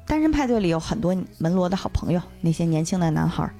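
A woman podcast host in casual chat, retelling a film plot with animated storytelling and briefly acting out the characters' lines. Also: lowish voice, fast talker, soft background music.

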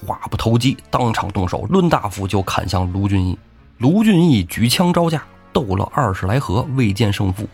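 A man telling a classic tale as the show's host, with lively, jokey asides to the listener. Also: lowish voice, normal speed, husky, soft background music. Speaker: storyteller host. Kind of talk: humorous storytelling of a classic novel.

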